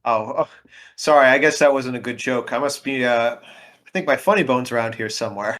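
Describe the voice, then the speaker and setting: A man's voice: mid-range voice, brisk, fairly bright tone, natural voice. A man voicing a chummy undead skeleton sea captain who calls people laddie, in a tabletop game. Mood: jovial.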